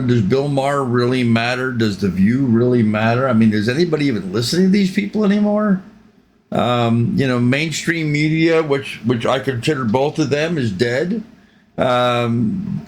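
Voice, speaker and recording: A man's voice: mid-range voice, slight background noise. Give me an older man doing casual reaction commentary, opinionated and rambling. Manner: opinionated, rambling with frequent ums. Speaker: reaction channel host.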